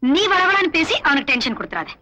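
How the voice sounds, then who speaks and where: A woman's voice: high-pitched, very animated, fast, pushed and bright, exaggerated voice. An actress playing a stern, honest woman police officer who speaks firmly and scolds, in 1990s film dialogue. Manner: firm, scolding, commanding. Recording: dull old film soundtrack.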